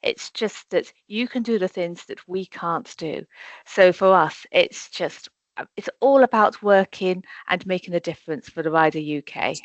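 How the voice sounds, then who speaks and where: A woman's voice: lowish voice, normal speed, no echo. A woman speaking for a corporate sponsor on a video call from an office, effusive and full of "you know" fillers. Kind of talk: casual webinar chat. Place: office in Birmingham. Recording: dull, dry video-call audio.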